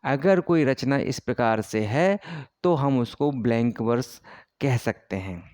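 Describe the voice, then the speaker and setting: Slow, deliberate male lecturer. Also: medium pitch, lively intonation, a little mellow, no room sound, studio quality. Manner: slow, deliberate explaining with many fillers. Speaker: teacher. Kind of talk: exam-prep lecture on poetry.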